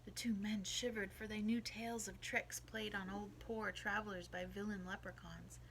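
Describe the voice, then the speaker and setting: Bright woman teacher reading aloud. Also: mid-range voice, normal speed, slight background noise, low-quality recording. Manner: expressive, asks the listeners questions. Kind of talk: read-aloud storytelling for children.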